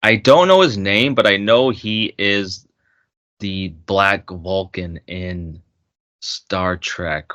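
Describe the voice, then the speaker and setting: Speaking slowly in a deep voice with no echo, this podcast co-host keeps things casual while recounting scenes from movies. He's an animated storyteller who laughs frequently and keeps starting his sentences over.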